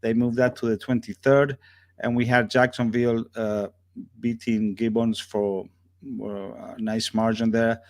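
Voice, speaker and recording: A man's voice: mid-range voice, little pitch movement, measured pace, a little mellow. A man hosting a casual sports talk show, chatty and joking with his guests. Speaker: show host.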